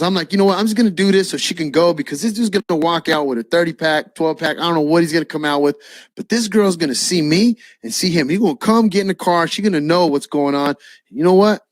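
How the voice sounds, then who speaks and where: Animated man telling his testimony, dry sound. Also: fairly high pitch, a little fast, no echo. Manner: animated storyteller acting out dialogue, casual with "man". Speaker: preacher sharing his testimony. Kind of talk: spoken personal testimony.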